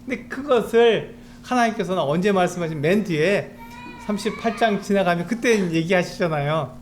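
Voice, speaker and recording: Male pastor, fairly high voice, earnest sermon delivery full of rhetorical questions. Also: expressive, moderate pace, a little hiss or hum.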